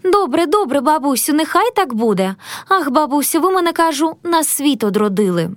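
A woman's voice: sits high, sing-song, moderate pace, dry recording. A woman voicing a young, spoiled noble lady in a storybook reading, plaintive and lamenting. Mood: eager.

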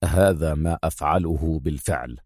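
A man doing a deep, stern male officer. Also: darkish tone, slightly rough, no echo, clean studio sound. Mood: firm, calm. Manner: low, firm and measured. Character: calm, stern male lieutenant colonel, a hero.

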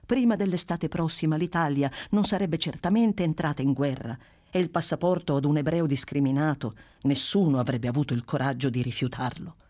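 A reader giving a measured, expressive literary narration. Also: mid-range voice. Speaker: audiobook reader.

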